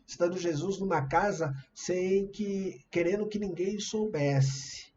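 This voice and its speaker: A man's voice: high-pitched, takes it slowly, darkish tone, lo-fi sound, slight background noise. A man with a Brazilian Portuguese accent preaching a sermon in a conversational, explanatory way to an online congregation. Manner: conversational, explanatory, shares screen slides. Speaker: pastor.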